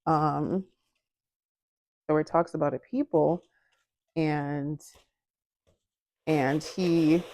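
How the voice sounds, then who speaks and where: A woman in a home kitchen telling a story while baking, talking casually to the camera in front of her, lively, acting out quoted voices with jumps in pitch. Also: no echo. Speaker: vlogger.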